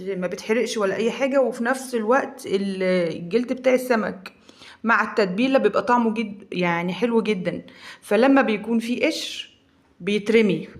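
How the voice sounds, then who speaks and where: Egyptian woman vlogger, quick and chatty, frank home-cook explainer at mid pitch. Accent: Egyptian Arabic. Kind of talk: casual cooking talk to viewers.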